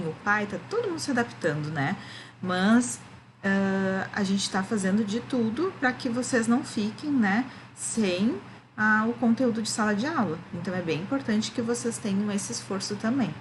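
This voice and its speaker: A woman's voice: medium pitch, noisy background. A woman, a primary school teacher, gives a remote lesson to children, explaining patiently and often checking that they follow.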